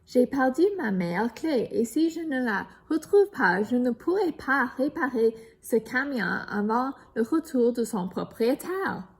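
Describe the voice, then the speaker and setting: A woman's voice: on the high side, animated, measured pace, hardly any pauses, breathy edge, full character voice. A woman voicing a kindly, worried father who runs a garage in a children's storybook.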